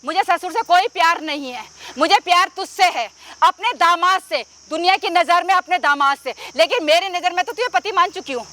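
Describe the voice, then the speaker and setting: Woman cast as a brazen, taunting mother-in-law, very high bright voice, amateur outdoor skit. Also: brisk, hardly any pauses. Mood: demanding. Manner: pushy, taunting, insistent. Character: scheming middle-aged mother-in-law, brazen and domineering.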